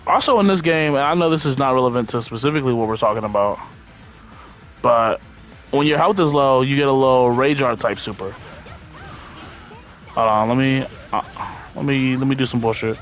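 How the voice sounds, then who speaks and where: Male game streamer, medium pitch, laid-back and slangy, sweary, rambling casual commentary, music underneath. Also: a little fast, long pauses. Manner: rambling, thinking out loud while playing.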